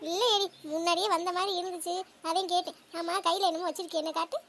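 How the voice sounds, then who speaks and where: A woman voicing a bossy older mother-in-law in a comedy cartoon, scolding in rapid-fire bursts. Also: extremely high pitch, fairly even intonation, fairly bright tone, a little hiss or hum. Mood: furious.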